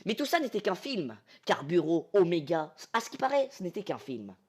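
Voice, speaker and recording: A man's voice: high voice, very animated, moderate pace, darkish tone, breathy edge. A young man hosting a casual gaming live stream, telling the story in a hyped, theatrical way to his chat.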